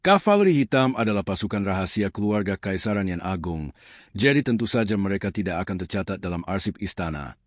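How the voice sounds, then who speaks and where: A man voicing an old sect master who speaks calmly, unreadably and with a superior tone. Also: deep voice, a little fast, dry recording, studio quality. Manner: calm, unreadable, condescending.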